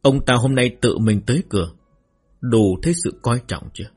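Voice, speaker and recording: A man voicing a stern old marquis, head of his house, speaking in a measured, probing way. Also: medium pitch, darkish tone, slightly rough, soft background music, natural voice.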